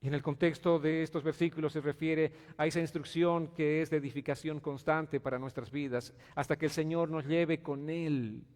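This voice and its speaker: A man pastor preaching a sermon, swinging from hushed pleading to loud exclamations and asking his congregation questions. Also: on the high side, steady tone, normal speed, few pauses, big-room sound. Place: church sanctuary.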